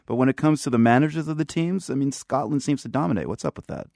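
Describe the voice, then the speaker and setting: A man's voice: mid-range voice, fast talker, creaky, a little mellow, no echo, studio quality. A man hosting a broadcast interview, asking curious, light questions. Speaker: radio host.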